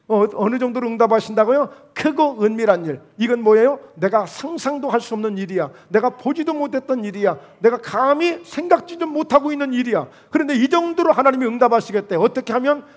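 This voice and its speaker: A middle-aged man preaching a sermon as pastor, asking rhetorical questions and swinging between loud outbursts and hushed asides. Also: extremely high pitch, expressive, fairly quick, hardly any pauses.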